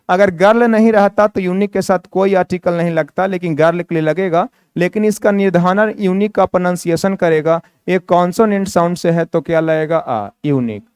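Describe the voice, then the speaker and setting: A man's voice: high voice, a little mellow, smooth, no room sound, studio quality. A man teaching English grammar in Hindi. He asks the viewers questions, answers them himself and repeats key words. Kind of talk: Hindi-language grammar lesson.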